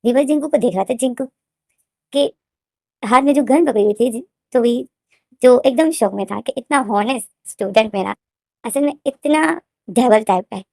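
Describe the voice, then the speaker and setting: A woman retells a fan-fiction story in a casual, rambling manner, circling back over the same phrases. Her voice sits fairly high. The recording is dry and close. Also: normal speed, vocal fry, darkish tone, dry recording. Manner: repetitive, rambling narration.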